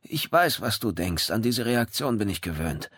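A man's voice: lowish voice, sing-song, moderate pace, fairly bright tone, slightly rough, no room sound, clean studio sound, pitched above the performer's own voice, exaggerated voice. A man voicing a worried, boastful company director of about sixty in a read-aloud story. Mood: proud. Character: anxious, proud sixty-year-old company director.

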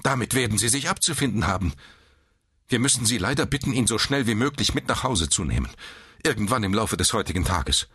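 A man's voice: fairly high pitch, big pitch swings, a little fast, hardly any pauses, fairly bright tone, husky, dry recording, voice pushed up, exaggerated voice. A man voicing a strict, curt female nurse. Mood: stern. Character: stern, prim hospital nurse, a woman.

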